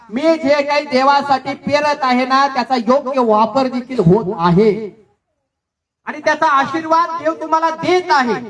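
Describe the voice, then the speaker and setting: High-voiced male pastor preaching. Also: fairly bright tone, distant mic. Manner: rhetorical questions and call-and-response; mocks givers with repeated chanted phrases. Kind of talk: sermon.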